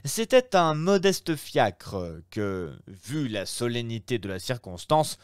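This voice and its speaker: A man narrating a classic novel in a live reading, expressive and measured. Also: medium pitch, clear, resonant tone, no room sound, studio quality. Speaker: reader.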